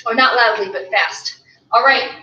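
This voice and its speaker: A woman martial arts instructor teaching an online kids' class, energetic and fast-talking as she calls out drills. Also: fairly high pitch. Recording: roomy, dull-sounding room audio.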